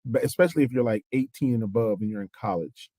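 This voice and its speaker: On a gospel podcast, a male co-host with a mid-range voice rattles off funny stories in a casual conversation. He talks fast and animatedly, acting out the people he quotes, and the recording is dry.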